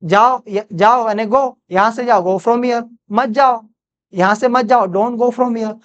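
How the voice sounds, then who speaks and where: A woman with an Indian accent teaching spoken English, drilling phrases slowly and asking her students questions. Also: a little high, clean tone. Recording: dull lo-fi sound.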